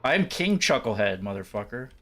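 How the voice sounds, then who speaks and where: A man's voice: on the low side, sing-song, moderate pace, fairly bright tone, slight background noise. A man hosting a gaming stream, chatting casually and pointing out details of the game. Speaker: streamer host.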